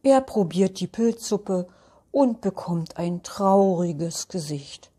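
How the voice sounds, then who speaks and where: Older woman, grandmother storyteller reading picture book to kids, slow and gentle. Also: lowish voice, lively intonation, husky. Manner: gentle, addresses children.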